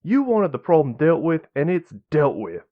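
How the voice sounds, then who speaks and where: A man voicing a furious, loud male mercenary liaison who shouts and spits insults. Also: on the high side, huge pitch swings, normal speed, phone-quality sound, voice pushed up.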